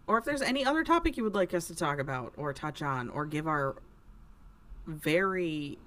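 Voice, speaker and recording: A woman co-hosting a casual book podcast, talking softly and rambling, often trailing off. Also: sits low, expressive, moderate pace, slight background noise. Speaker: podcast co-host. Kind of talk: casual chat.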